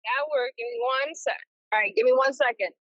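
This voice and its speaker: A woman's voice: on the high side, a little fast, a bit bright, no echo. A woman co-host calling in on speakerphone, chatting casually and a little hesitantly. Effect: heard over a phone on speakerphone. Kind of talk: casual chat. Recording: dull lo-fi phone line.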